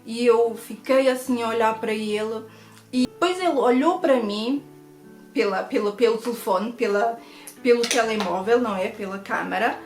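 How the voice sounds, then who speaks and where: A woman's voice: a little high, normal speed. A woman with a European Portuguese accent sharing an earnest personal faith testimony and speaking to her viewers as friends. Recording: echoey room with faint guitar music. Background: soft guitar music.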